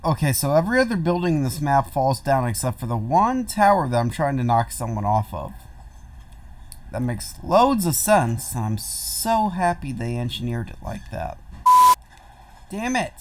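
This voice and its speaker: A man's voice: medium pitch, very animated, normal speed. A young man commenting casually while gaming, grumbling and sarcastic about how he is playing. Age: young adult. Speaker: co-host of a gaming video.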